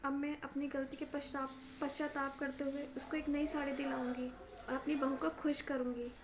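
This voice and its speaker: A woman playing an older mother-in-law who slowly and regretfully reflects on how she has treated her daughter-in-law. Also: high-pitched, level tone. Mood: remorseful. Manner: slow, regretful musing to herself. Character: older mother-in-law, sharp-tongued then remorseful. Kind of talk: acted family story.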